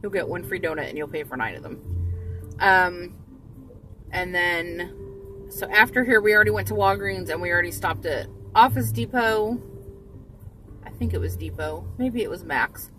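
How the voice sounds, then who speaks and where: A woman's voice: lowish voice, moderate pace, bright, forceful tone, distant mic, rough recording. A woman in her thirties rambling casually to her phone camera from a parked car, with lots of ums and restarts. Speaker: vlogger. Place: parked car, windows closed. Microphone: phone held at arm's length. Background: faint radio music.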